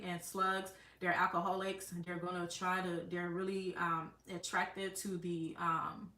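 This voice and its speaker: A woman's voice: lowish voice, a bit bright, far from the mic. A woman hosting a live gardening stream, chatting casually with lots of fillers and restarts. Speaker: gardening channel host. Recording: roomy sound from away from the mic.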